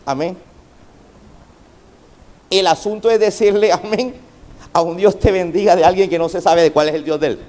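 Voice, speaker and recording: A man with a high voice for his sex preaches a sermon with fervor. He is middle-aged and keeps calling out to the congregation to answer him back. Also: fairly even intonation, moderate pace, pauses often, a little mellow. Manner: fervent preaching, calls out to the congregation for responses. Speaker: pastor.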